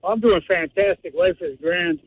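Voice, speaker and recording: A man's voice: high voice, big pitch swings, moderate pace, vocal fry, no echo. A man calling in to a radio show, rambling cheerfully while his phone connection keeps breaking up. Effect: phone line breaking up, cutting out. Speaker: radio call-in caller. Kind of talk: casual phone call. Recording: tinny, cutting-out phone line.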